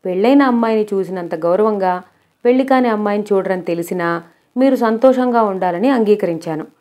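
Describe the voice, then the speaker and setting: A woman's voice: mid-range voice, fairly quick, mellow, natural voice. Woman reading an angry young wife going off at her husband, storybook style, scolding nonstop. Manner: scolding, indignant.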